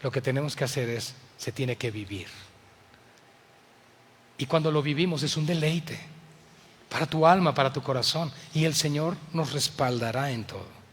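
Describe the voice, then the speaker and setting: A male pastor with a Mexican accent preaches an impassioned sermon, moving between loud appeals and hushed words. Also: mid-range voice, normal speed, long pauses, long reverb tail, a little hiss or hum.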